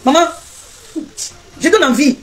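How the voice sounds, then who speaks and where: A woman hosting a live stream, teasing her viewers and reeling off repetitive, mock-preaching blessings in a loud voice. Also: high voice, animated, measured pace. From Cameroon.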